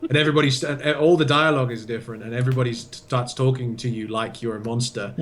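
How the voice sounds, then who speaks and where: A man co-hosting a casual gaming podcast, easygoing and quick to laugh. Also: medium pitch, fairly even intonation. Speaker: podcast co-host. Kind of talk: casual chat.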